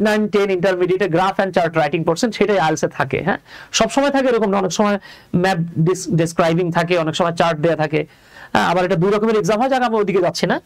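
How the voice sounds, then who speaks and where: A man's voice: high-pitched, no room sound. A Bangladeshi man teaching English in a live online class, explaining step by step and asking his students questions.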